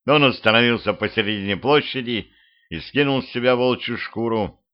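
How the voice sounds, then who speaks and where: A man's voice: mid-range voice, moderate pace. Man narrating an audiobook, lo-fi. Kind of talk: scripted narration of a humorous mystic tale. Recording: slightly dull lo-fi home recording.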